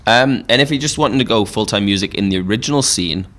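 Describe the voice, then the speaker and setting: Deep-voiced Geordie man chatting. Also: quick pace. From Newcastle, England. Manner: relaxed storytelling with frequent fillers. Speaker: podcast host and musician. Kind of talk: casual pub chat. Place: pub.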